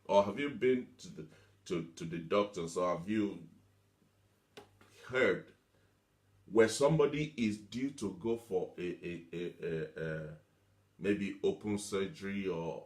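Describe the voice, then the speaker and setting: In an echoey room, a man with a deep, slightly mellow voice preaches a motivational teaching sermon. He is emphatic, repeats himself, and poses rhetorical questions.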